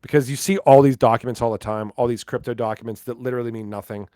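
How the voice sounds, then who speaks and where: A man's voice: mid-range voice, steady tone, fast, warm tone, no echo, clean studio sound. A man hosting a casual crypto news rundown, talking loosely with lots of fillers and asides. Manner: chatty, filler-heavy, laughs while reading. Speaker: crypto news channel host.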